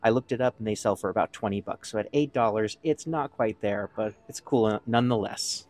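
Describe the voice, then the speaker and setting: A man's voice: on the low side, brisk, darkish tone, dry recording. A man co-hosting a vlog, making dry joking asides while browsing a shop. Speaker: vlog co-host, reseller. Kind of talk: casual chat while browsing.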